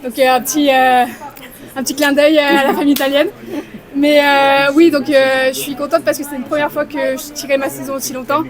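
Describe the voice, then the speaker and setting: A woman's voice: sits high, little pitch movement, brisk. A woman in her twenties with a French accent, an athlete who was raised in Canada, talking in an upbeat, eager way after a race. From France, raised in Canada. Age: 20s. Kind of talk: post-race interview. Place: outdoors at a stadium. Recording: crowd noise behind.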